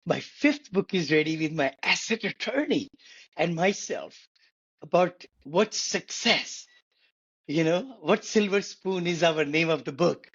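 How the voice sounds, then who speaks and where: A man's voice: fairly high pitch, expressive, a little slow, a bit bright, husky, muffled recording. A man in his seventies, co-hosting a casual podcast chat, enthusiastic and repeating words for emphasis. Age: 70s. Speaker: co-host.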